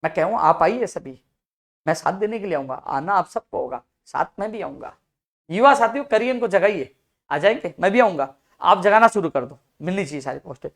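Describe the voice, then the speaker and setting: A man speaking as a youth activist to job seekers, fervent and full of rhetorical questions, swinging from soft lines to loud outbursts. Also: sits high, expressive, fairly quick, creaky. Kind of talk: impassioned advocacy video.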